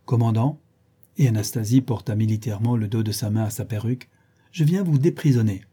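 A man's voice: on the low side, brisk, warm tone, husky. A man voicing a gossipy, scheming old female concierge in a raised, chattering voice.

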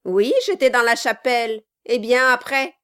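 A woman reading aloud, voicing a sly male dwarf villain who swings between mock courtesy and high-pitched cries. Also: steady tone, moderate pace, fairly bright tone, natural voice. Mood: smug. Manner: shifting high and low, falsely courteous. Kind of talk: audiobook reading.

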